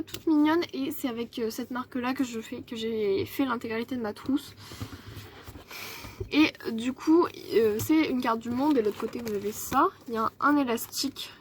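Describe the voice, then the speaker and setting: Young woman with a high voice, casual book vlogger at home, rambling chat full of fillers and restarts. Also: noisy background. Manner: chatty, rambling, many fillers and self-corrections. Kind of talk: casual evening vlog. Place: at her desk at home.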